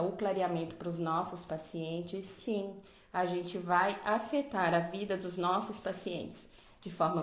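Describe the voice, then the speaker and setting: A middle-aged dentistry professor from Pernambuco, Brazil, gives a live online lecture in a lowish voice, sounding as if she's in an echoey room. Her style is didactic, and she often adds tag questions.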